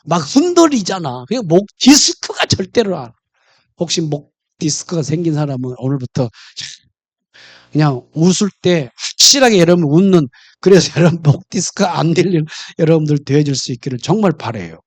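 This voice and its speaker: A man's voice: on the high side, big pitch swings, moderate pace, no echo. A man preaching a sermon in church, mixing jokes and stories into his message. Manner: humorous, storytelling. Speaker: pastor.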